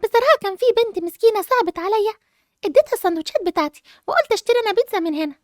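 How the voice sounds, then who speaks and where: A gentle, kind-hearted schoolgirl with an Egyptian accent, speaking softly and earnestly in a very high voice, as a woman voices her. She talks quickly and is recorded dry and close. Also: lively intonation, dry recording. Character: kind, gentle schoolgirl sister who loves helping.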